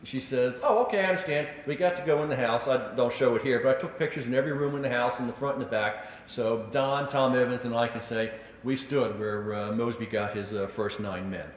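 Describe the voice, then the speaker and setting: A man giving a public history lecture, telling stories with animated delivery and acting out quotes, with frequent filler words. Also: medium pitch, fairly quick, hardly any pauses, slight background noise. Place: lecture room. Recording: echoey lecture hall.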